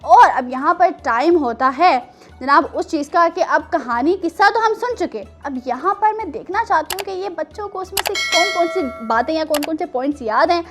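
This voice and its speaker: Over soft background music, a woman with a very high-pitched, expressive voice hosts a children's show at normal speed. She shares stories and playful chat with kids, teasing them in a teacherly way and asking lots of questions.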